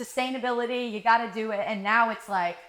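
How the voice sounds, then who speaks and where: A woman with a fairly high voice tells stories as a podcast guest. She is chatty and animated, acts out both sides of conversations, and fills her speech with "like." It is a casual, conversational interview. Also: quick pace. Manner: animated, acts out quoted dialogue, frequent "like". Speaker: marketing director guest. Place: live podcast recording.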